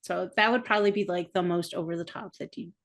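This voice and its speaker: A woman's voice: lowish voice, steady tone, quick pace. A woman guest on a podcast talking casually, hesitating often and laughing easily. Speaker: guest, freelance artist. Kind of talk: casual conversational interview.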